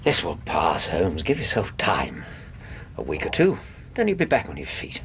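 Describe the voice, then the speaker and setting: An English actor playing a loyal, caring doctor in a radio drama, measured and gentle in narration and dialogue. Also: male voice, sits low, wildly swooping pitch, a little hiss or hum, full character voice. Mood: concerned, reassuring.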